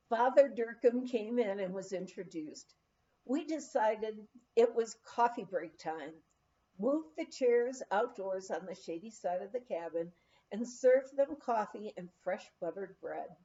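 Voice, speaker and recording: Her voice is medium-pitched and dark as she narrates a memoir for an audiobook in a scripted storytelling style. Now and again she trips over words, and the recording has a slightly muffled quality.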